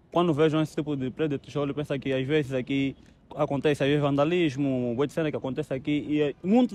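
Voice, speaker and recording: A man's voice: on the high side, a little mellow. A young man with an Angolan accent explaining things casually and repetitively as he is interviewed outdoors. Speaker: caretaker being interviewed. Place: outdoors on a rooftop above the city. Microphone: handheld mic held by interviewer. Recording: open-air handheld with background noise.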